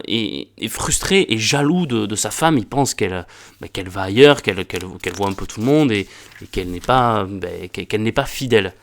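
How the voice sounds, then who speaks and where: Un homme qui présente des pièces classiques dans une vidéo de lecture, sur un ton familier, en hésitant souvent et en se répétant, et qui s'amuse visiblement du texte. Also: male voice, on the low side. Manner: hesitant, many fillers and repeated words; amused, enthusiastic about the comedy. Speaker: book reviewer and reader. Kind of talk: casual spoken literary commentary.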